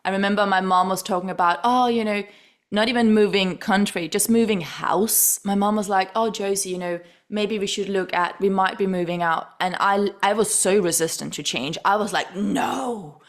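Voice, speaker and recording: A woman's voice: medium pitch, moderate pace. A woman from Denmark hosting a podcast interview, effusive and full of fillers and restarts. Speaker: podcast host. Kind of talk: warm interview chat.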